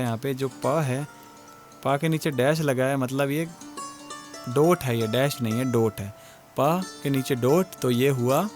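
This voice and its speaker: A man's voice: fairly high pitch, a little mellow. A male music teacher giving an exam-prep lecture, explaining step by step and asking and answering his own questions.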